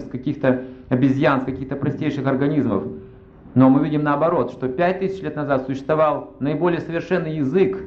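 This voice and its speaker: A man's voice: on the high side, a little mellow. A man giving a religious lecture, reasoning aloud and asking himself rhetorical questions. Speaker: spiritual lecturer. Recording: roomy, slightly dull recording.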